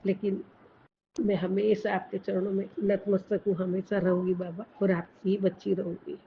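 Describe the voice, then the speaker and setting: A woman prays in a soft, reverent voice, her pitch held flat and even as she repeats her thanks. The recording is dull and lo-fi, with a faint hiss behind her. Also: moderate pace, vocal fry. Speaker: devotee reading and answering messages. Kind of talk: devotional prayer and reading.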